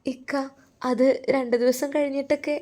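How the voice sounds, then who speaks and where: A woman's voice: sits high, little pitch movement, normal speed, mellow, pitched above the performer's own voice, natural voice. A woman voicing a shy, tender-hearted young wife who speaks timidly.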